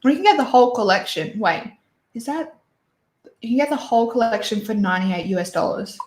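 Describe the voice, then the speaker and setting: A woman's voice: on the high side, lively intonation, brisk, a little mellow, roomy sound. A woman hosting a casual beauty chat, opinionated and rambling, with lots of fillers and restarts. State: hiccups and sneezy. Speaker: beauty YouTuber host. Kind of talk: casual livestream chat reviewing releases.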